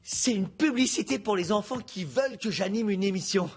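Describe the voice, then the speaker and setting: An actor playing a cocky, excitable talking cat in a French cartoon dub, boastful and dramatic, with a husky voice. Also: male voice, high voice, fairly quick, noisy background. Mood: pleading.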